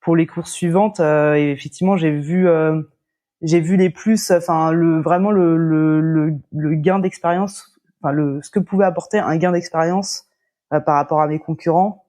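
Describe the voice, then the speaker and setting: A woman from the French Atlantic coast, a sailor in an interview, speaking hesitantly and often pausing to search for words. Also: sits low, fairly even intonation, dark tone. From La Baule, France. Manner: hesitant, many fillers and restarts. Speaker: sailor guest. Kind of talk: casual interview chat.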